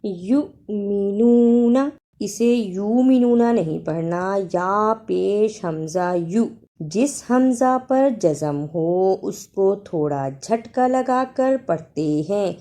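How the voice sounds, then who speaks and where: A woman teaching Quran recitation. She chants verses slowly and melodically, then explains the pronunciation quickly, letter by letter. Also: medium pitch, expressive, mellow. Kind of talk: tajweed lesson, chanted recitation with spoken explanation.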